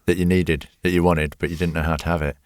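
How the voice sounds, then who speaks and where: A man's voice: sits low, flat delivery, fast talker, clear, resonant tone, dry recording, studio quality. A man hosting a podcast, asking reflective, probing questions of his guest. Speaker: podcast host. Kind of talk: interviewing. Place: podcast studio.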